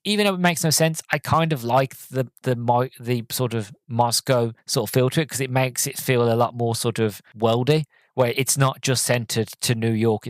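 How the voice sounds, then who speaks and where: A man hosts a solo podcast where he reviews a film, his mid-range voice captured without echo. The recap rambles, with plenty of fillers, restarts, and sudden flashes of excitement.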